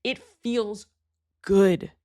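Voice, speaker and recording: A young woman delivers a motivational podcast in an emphatic, blunt way, and she swears freely. Her voice sits at an ordinary middle pitch. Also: fairly even intonation, extremely slow, mellow. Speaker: podcast host and fitness coach.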